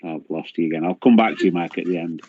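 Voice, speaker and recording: Over a video call, a deep-voiced man chairs a council committee at a quick pace, firm and businesslike as he calls names and runs the vote. The audio is dull and muffled, with slight background noise.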